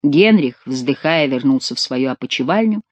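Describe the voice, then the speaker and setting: Expressive woman narrating a classic novel. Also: a bass voice, normal speed, no room sound. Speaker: audiobook narrator. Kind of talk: literary audiobook narration.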